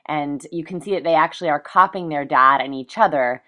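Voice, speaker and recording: A woman instructor teaching a recorded life coaching course, speaking fast. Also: deep voice, a bit bright. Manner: fast-talking.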